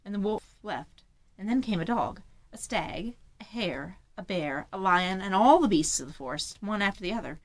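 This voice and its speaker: A woman reading classic fairy tales aloud in a measured, unhurried storybook manner. She narrates scripted text as an author-reader, steady and even. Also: mid-range voice.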